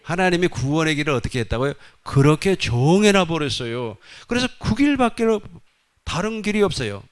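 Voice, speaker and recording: A man's voice: a little high, very animated, fairly quick, smooth. A man preaching a sermon, repeating his points emphatically and dropping folksy asides.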